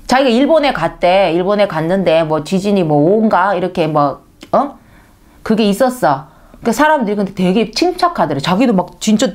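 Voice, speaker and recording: A woman delivers a sermon as if chatting with her congregation, asking rhetorical questions and answering them herself. Her voice sits at a middling pitch but swings widely for emphasis. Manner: conversational, asks listeners rhetorical questions; animated, pitch leaps for emphasis. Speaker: preacher.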